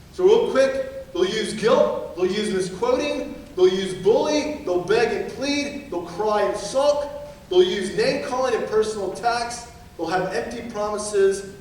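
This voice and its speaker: A man preaching a sermon in a lively, playful way, acting out quotes in funny voices and laughing often, recorded in a church sanctuary. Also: sits high, a little hiss or hum. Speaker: pastor. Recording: very echoey church sanctuary from far off.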